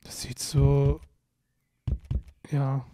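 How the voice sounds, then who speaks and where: A man's voice: mid-range voice, level tone, very slow, dark tone, dry recording, clean studio sound. A young man giving casual, playful commentary while playing a video game, often exclaiming and muttering to himself. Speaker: let's play commentator.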